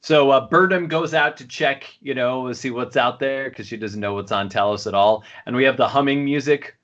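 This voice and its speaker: A man co-hosts a podcast in casual, rambling conversation packed with fillers and restarts. He speaks at a moderate pace in a mid-range voice with a fairly bright tone, and the audio is dull.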